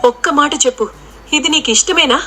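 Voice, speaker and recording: A woman's voice: high voice, a little fast, pushed and bright, voice pushed up. A woman voicing a loyal young wife who returns to find herself betrayed, speaking in a pleading, anguished way. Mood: shocked.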